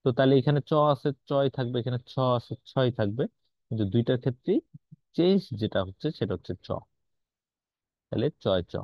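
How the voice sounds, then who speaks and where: A man's voice: mid-range voice, animated, a little fast, no room sound. A man teaching grammar in an online class, explaining patiently and quizzing his students as he goes. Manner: explains patiently, asks students questions, mixes in English words. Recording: dull lo-fi online class audio.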